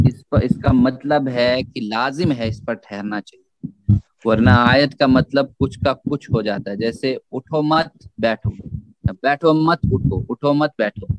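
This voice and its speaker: A man leads a Quran recitation lesson at a middle pitch, his voice dry and close with no room sound. He repeats each key phrase slowly and lifts into chanted Arabic when he gives an example. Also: no echo. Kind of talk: Urdu tajweed lesson.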